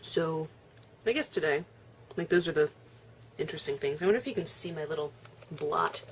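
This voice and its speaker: A woman's voice: low voice, animated, brisk, a little hiss or hum. A young woman chatting casually on her video blog, laughing often and chewing as she talks. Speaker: vlogger. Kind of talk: casual vlog chat.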